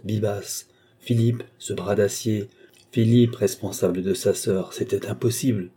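A man reading a classic novel aloud with measured, expressive narration. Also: lowish voice, breathy edge. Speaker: audiobook reader.

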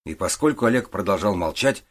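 A man narrating a detective story audiobook in a steady reading voice. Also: fairly low pitch, fairly quick. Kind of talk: scripted narration.

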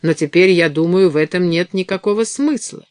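A man reading an audiobook, voicing a furious, sharp-tongued woman talent agent who snaps and scorns. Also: high voice, a little fast, smooth, no echo, clean studio sound, close to an everyday voice. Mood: bitter. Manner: snapping, scornful.

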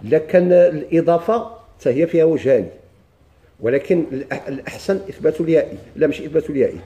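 A man with a Moroccan Arabic accent teaching a grammar lesson. He reads lines of a text slowly, asks the class questions and answers them himself. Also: a little high, expressive, mellow.

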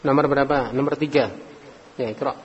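A man's voice: medium pitch, fairly even intonation, a little fast. Patient male Arabic teacher in hall. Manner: patient, calls on students by name, sprinkles Arabic phrases. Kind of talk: classroom Arabic grammar lesson. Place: study hall with students. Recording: dull recording with long hall reverb.

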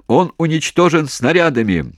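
Man voicing a battalion commander, frantic, hoarse shouting, strained high voice, audiobook war scene. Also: lively intonation, moderate pace, dry recording, clean studio sound. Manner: shouting hoarsely, near hysterical. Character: desperate male battalion commander shouting under shellfire.

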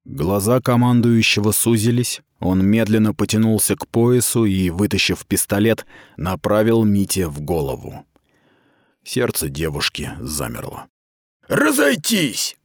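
A man narrating a science-fiction novel with a dramatic, expressive reading. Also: fairly low pitch, measured pace, no room sound, studio quality. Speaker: audiobook narrator.

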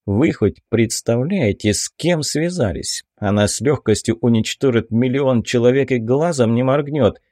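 A man's voice: mid-range voice, darkish tone, dry recording, clean studio sound, natural voice. A man voicing a commanding, menacing supreme mage in an audiobook, cold and threatening. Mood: stern. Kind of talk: audiobook character voice.

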